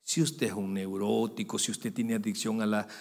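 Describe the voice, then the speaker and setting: A male pastor, preaching a sermon in a big church, his voice swinging from loud peaks down to quiet asides. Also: lowish voice, flat delivery, moderate pace. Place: large church sanctuary. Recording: long church-hall reverb.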